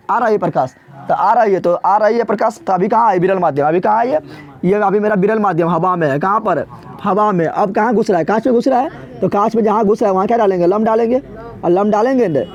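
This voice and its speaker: A man's voice: high voice, a little mellow. A male physics teacher giving a revision lecture, asking questions and answering them himself, repeating each answer, in a rustic colloquial way with everyday village comparisons. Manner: call-and-response drilling, repeats each answer. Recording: dull lo-fi recording.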